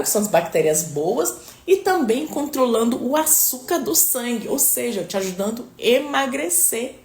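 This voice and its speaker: A nutritionist woman chatting on a live stream, answering viewers and often tagging sentences with "tá?" and "né?", with religious blessings mixed in. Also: a little high. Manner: chatty, peppers speech with "tá?" and "né?". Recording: roomy, echoey room.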